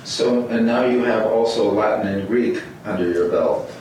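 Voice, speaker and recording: A man interviews an older scholar for an oral history, his fairly low voice a little mellow and his pace moderate. He asks rambling, conversational questions and often restarts them, captured in a roomy, distant recording with faint hiss.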